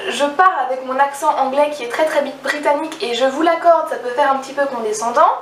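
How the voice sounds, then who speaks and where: A young woman with a high voice talks casually and eagerly about her book purchases, stumbling over her words and starting sentences again. She is recorded from a little way off in an echoey room at home, with faint noise in the background. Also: quick pace. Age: young adult. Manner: chatty, hesitant, restarts sentences, enthusiastic. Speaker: book vlogger. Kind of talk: casual book haul vlog. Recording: roomy, slightly distant mic, faint background noise.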